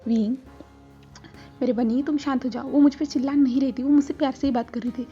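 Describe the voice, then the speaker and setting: A woman performs a calm, protective uncle in a storybook retelling, speaking in soothing tones. The voice is dark, mellow and fairly even in pitch. Soft music runs under a slightly muffled recording. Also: a little fast, lightly acted. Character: calm protective grown man, gentle uncle.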